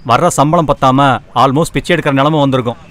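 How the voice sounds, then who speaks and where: A man's voice: medium pitch, fast, a bit bright, close to an everyday voice. An actor playing a scheming male police constable, in a dubbed film. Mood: matter-of-fact.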